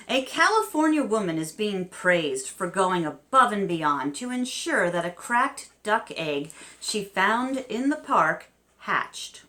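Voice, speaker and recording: A woman's voice: on the low side, fairly bright tone. A woman in her fifties with a New Jersey accent hosting a vidcast, reading odd news stories with chatty, wry asides. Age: 50s. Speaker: host.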